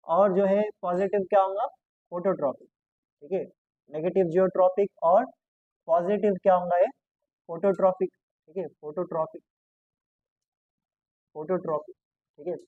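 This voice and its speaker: A man's voice: high voice, no room sound, narrow, tinny audio. A man teaching a biology lesson for exam prep, asking questions and answering them himself, repeating key terms and mixing Hindi with English science words.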